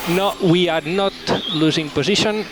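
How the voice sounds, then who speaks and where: A man's fairly high voice comes through a noisy team radio clip. He gives terse, clipped pit radio calls as a race engineer, telling the driver what to do. The lines are short and to the point. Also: normal speed. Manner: clipped, instructing. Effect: team radio transmission.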